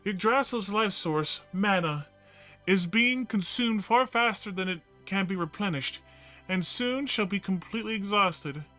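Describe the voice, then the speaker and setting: A man's voice: sits high, animated, unhurried, sharp tone, faint music behind, voice pushed up, heavily acted. A man voicing a solemn female guardian spirit of a tree, speaking in a grave, formal and pleading way in a game.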